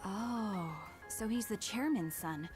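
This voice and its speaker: An actress voicing a calm, firm young woman who watches over her younger sister in a video game. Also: medium pitch, slow pace, music in the background, natural voice. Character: protective, level-headed young woman, older sister.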